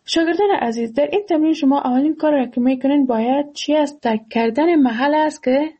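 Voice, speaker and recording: A woman's voice: sits high, dark tone, dull audio. A woman with an Afghan Dari accent teaching a radio lesson on emotional health. She addresses listeners fondly and poses questions before answering them herself.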